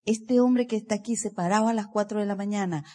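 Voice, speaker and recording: A woman giving an energetic motivational speech to a live seminar audience, asking listeners direct questions. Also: medium pitch, fast talker, long reverb tail. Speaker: motivational speaker at a business seminar.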